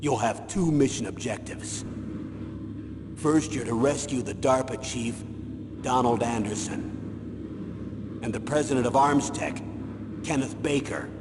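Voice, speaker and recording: An actor playing a grave military colonel in a video game, delivering a commanding briefing. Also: male voice, mid-range voice, takes it slowly, long pauses, lightly acted. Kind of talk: scripted video game voice acting. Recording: echoey hall, noisy ambience.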